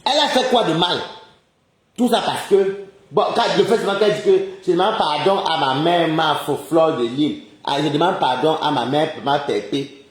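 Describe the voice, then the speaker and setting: A man with a slightly high voice rants indignantly at a moderate pace during a casual live stream, throwing out rhetorical questions and frequently chuckling. The recording sounds roomy and echoey, with slight background noise.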